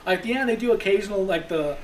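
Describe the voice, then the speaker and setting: A man's voice: high-pitched, lively intonation, fast talker. A man casually reviewing a movie with a co-host, rambling with many fillers and restarts. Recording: distant mic with faint noise.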